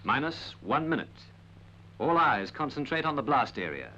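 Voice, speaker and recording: A man reading a scripted 1960s documentary narration in a formal, measured, dramatic way. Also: medium pitch, very animated, bright, forceful tone, a little hiss or hum. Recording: dull, band-limited 1960s film soundtrack.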